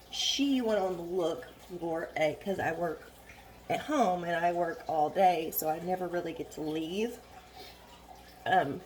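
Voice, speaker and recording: A woman casually chatting through a makeup tutorial at home, rambling and frank, a little hoarse, recorded on a phone. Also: lowish voice, darkish tone. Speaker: beauty vlogger. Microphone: phone camera.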